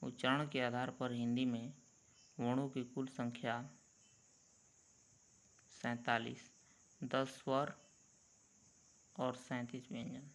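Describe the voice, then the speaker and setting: A man teaching a grammar lesson, speaking in a measured way and drawing out the sounds he demonstrates. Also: medium pitch, level tone. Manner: slow, measured, drawn-out letter sounds.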